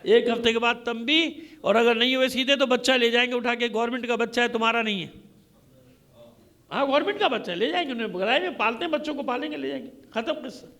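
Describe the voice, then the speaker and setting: A Shia preacher from Pakistan speaks quickly in an extremely high, sharp voice, delivering an impassioned sermon. Addressing a gathering in a congregation hall, he hammers points home through repetition, emphasis and rhetorical questions.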